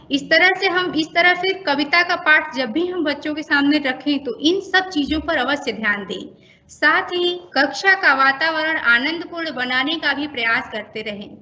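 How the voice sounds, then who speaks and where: A woman's voice: high-pitched, pushed and bright, dull audio. A woman training teachers, patiently explaining pronunciation and repeating sounds for practice. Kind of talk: instructional talk to teachers.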